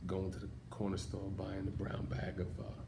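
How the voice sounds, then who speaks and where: Casting a very deep, gravelly man who reminisces with many pauses, noisy recording. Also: monotone. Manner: rambling, many fillers. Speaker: former choir member giving a tribute. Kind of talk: casual recorded tribute.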